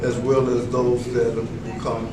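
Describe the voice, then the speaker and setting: Slow, level, and formal, a medium-pitched older man from Texas gives measured, reflective answers in an interview, pausing often with fillers. He's a veteran school educator in his 70s. The recording picks up echo from the school room, distance from the mic, and a clear background hum.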